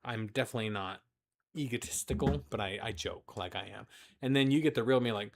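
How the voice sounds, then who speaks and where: A man's voice: mid-range voice, a little fast, creaky. A congested man co-hosting a casual late-night chat, joking and teasing himself. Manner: joking, self-mocking banter. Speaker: co-host.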